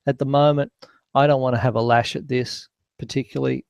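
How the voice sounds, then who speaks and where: A man giving market commentary as slow dictation, speaking the punctuation aloud as he composes notes. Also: mid-range voice, steady tone, gravelly, a little mellow, clean tone, dry recording, highs cut off. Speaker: forex market analyst and webinar host. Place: office, screen recording voice-over.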